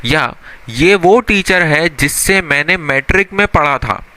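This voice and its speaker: A man's voice: a little high, expressive, unhurried, pushed and bright. A young man teaching English grammar in a classroom style, asking his students questions and answering them himself, and calling them son or brother.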